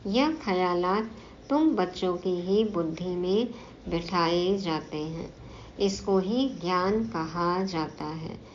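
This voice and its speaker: Slow, low-voiced woman teaching a spiritual class. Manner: slow, explanatory, repeats points to make them sink in. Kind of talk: reading and explaining a spiritual discourse. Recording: dull lo-fi recording with faint background noise.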